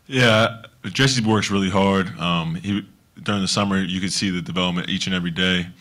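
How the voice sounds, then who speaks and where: A man's voice: low-pitched, steady tone, brisk, a bit bright. A young man, a college basketball player, speaking earnestly at a press conference table microphone, often repeating words. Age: young adult.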